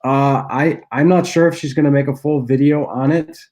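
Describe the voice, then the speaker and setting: A young man who cofounded an app and works as a dietitian hosts a Q&A livestream, answering viewer questions in a relaxed, loose manner full of uhs. A cold makes his medium-pitched voice nasal, and he often clears his throat while speaking at a moderate pace.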